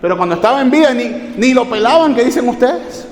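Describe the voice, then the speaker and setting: A man's voice: very high voice, animated, fairly quick, a little hiss or hum. A man preaching a sermon as pastor, asking the congregation question after question and calling them brothers. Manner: preaching with rhetorical questions and repeated appeals to "hermanos". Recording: echoey hall with faint music.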